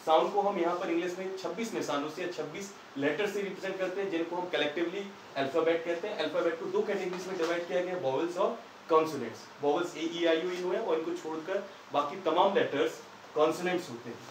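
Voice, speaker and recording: A man's voice: high voice, fast, a little hiss or hum. A man teaching English grammar in Hindi, patiently asking questions and answering them himself. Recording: echoey room, far from the mic.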